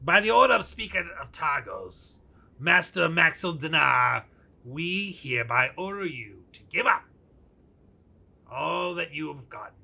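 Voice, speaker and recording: A man voicing a stern, commanding guard captain of a lake town who barks loud orders and threats. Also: fairly high pitch, very animated, unhurried, gravelly, exaggerated voice. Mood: threatening.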